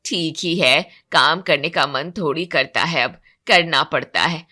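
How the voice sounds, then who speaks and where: A woman voicing a short-tempered housemaid mother, grumbling and scolding in a lowered, louder voice. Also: measured pace, full character voice. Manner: irritated, scolding.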